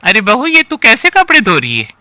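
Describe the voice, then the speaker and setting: A nagging elderly aunt-in-law picks at everything with sighing complaints, as a man voices her. The tone is bright and piercing and sits fairly high. The sound is dry and close. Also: wildly swooping pitch, normal speed, no echo, heavily acted. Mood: scolding. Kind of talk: storybook character acting.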